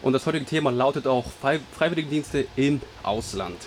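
A man's voice: mid-range voice, animated, fairly quick, a little hiss or hum. Young German man hosting a radio show. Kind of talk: scripted radio presenting.

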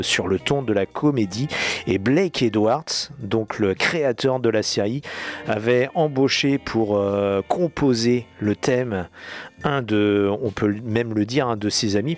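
A man from France hosting a music radio show, talking informally and correcting himself as he goes. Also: lowish voice. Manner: chatty, informal, self-correcting.

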